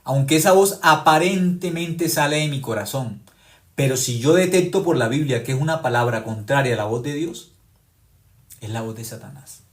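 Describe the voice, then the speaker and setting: A man preaching a sermon with forceful rising stresses that drop to hushed low tones and drawn-out key words. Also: animated. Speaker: pastor.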